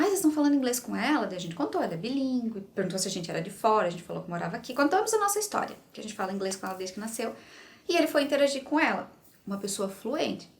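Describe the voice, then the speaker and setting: Brazilian mom-coach, 30s, upbeat and chatty to camera, voice sits a bit high. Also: female voice. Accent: Brazilian Portuguese. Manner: chatty, animated, addresses viewer directly. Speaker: bilingual parenting coach. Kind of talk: casual explainer to camera.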